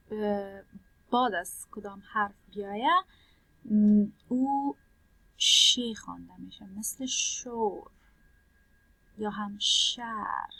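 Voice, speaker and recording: A woman's voice: on the high side, a bit bright, no room sound, rough recording. A woman teaching a language lesson, patiently explaining a worksheet, repeating points and translating words one by one.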